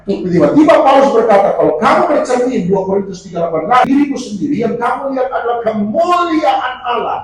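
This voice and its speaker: Shouting pastor in an echoing hall. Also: male voice, very high-pitched, brisk, few pauses. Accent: Indonesian. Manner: animated preaching, often shouting for emphasis, acting out quoted voices. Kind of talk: sermon. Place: church prayer meeting hall. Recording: distant, very echoey hall with faint noise.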